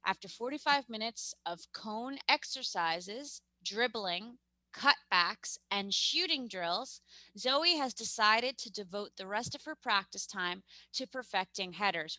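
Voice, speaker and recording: A woman's voice: medium pitch, a little slow, bright, forceful tone, dry recording. A young woman with a New York accent teaching a math lesson over a video call, chatty and upbeat, often correcting herself.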